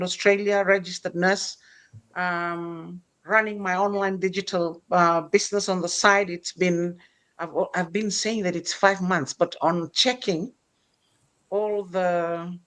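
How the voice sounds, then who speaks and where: Middle-aged woman from Fiji, livestream host, lowish voice, halting delivery with fillers. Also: fairly bright tone. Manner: hesitant, many fillers. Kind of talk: casual livestream chat.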